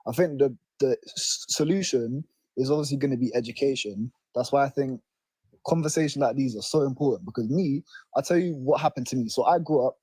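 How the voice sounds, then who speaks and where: A man's voice: mid-range voice, brisk, dark tone, slightly rough, no echo, poor audio. A young man with a South London accent talking casually and earnestly in informal slang as a caller on a livestream. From South London, England. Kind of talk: casual opinion talk. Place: alone in his room.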